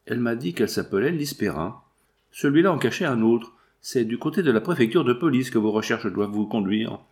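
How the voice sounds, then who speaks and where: A man voicing a composed young lawyer who speaks in a calm, measured way, in a storybook reading. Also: medium pitch, natural voice. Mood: grave.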